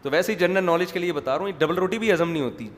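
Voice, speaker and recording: A man preaching in a humorous religious lecture, wandering off the topic and acting out quotes. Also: high voice. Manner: digressive, joking, acts out quotes. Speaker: Islamic preacher. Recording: reverberant hall, faint background noise.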